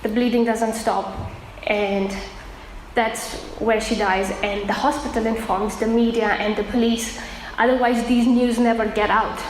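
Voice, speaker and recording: A woman from Afghanistan giving an earnest personal testimony, pausing often with fillers. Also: on the high side, level tone. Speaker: testimony speaker. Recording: echoey room with faint noise.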